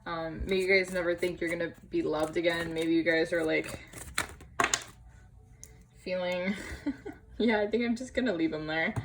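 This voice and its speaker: A woman's voice: fairly low pitch, measured pace, pauses often, slight background noise, poor audio. A young woman giving a casual tarot reading to camera, chatty and empathetic, with many fillers and small laughs. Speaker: tarot reader. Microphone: camera on tripod.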